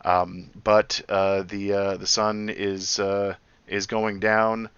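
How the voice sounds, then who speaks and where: Halting low-voiced man running a tabletop game. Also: little pitch movement, fairly bright tone, smooth, dry recording. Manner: halting, many filler sounds. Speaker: dungeon master. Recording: dull dry low-fi audio.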